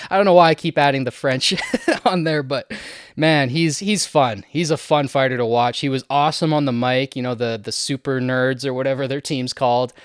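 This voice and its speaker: A young man from Canada giving a casual, chatty breakdown of recent fights, laughing often and filling pauses with "you know" and "uh". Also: mid-range voice, steady tone, clear, resonant tone, no echo, clean studio sound. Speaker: MMA fight commentator.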